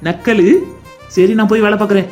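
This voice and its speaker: Cartoon role: teasing young husband voiced by a woman, rapid, mid-pitched. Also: fairly even intonation, a little mellow, soft background music, lightly acted. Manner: playful, affectionate teasing. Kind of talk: cartoon voice acting.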